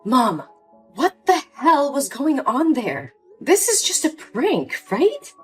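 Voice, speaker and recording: A woman's voice: high voice, sing-song, takes it slowly, exaggerated voice. A woman voicing an emotional young daughter pleading with her mother in a story drama, with faint music behind. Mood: upset.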